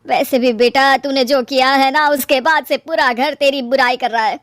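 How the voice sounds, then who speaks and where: A woman voicing an older mother in a cartoon story, soft, consoling and resigned. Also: sits high, fairly even intonation, moderate pace, dry recording, clean studio sound.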